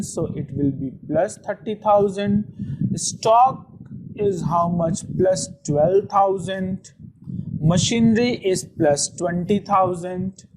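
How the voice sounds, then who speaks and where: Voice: medium pitch, darkish tone, a little hiss or hum, rough recording. A teacher with a North Indian accent explaining a lesson step by step, posing questions and answering them, often repeating phrases. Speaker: accounting teacher.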